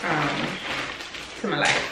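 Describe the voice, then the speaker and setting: A young woman in casual, chatty talk, showing a clothing haul to her viewers and calling them y'all. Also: slow pace. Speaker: vlogger. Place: room in a house under renovation. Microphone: camera on a desk in front of her. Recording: roomy echo with clear background noise.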